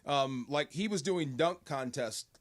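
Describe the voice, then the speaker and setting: A man with a moderately high voice co-hosting sports radio from a studio. He chats casually and tends toward clipped, punchy phrases. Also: measured pace. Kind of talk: casual chat.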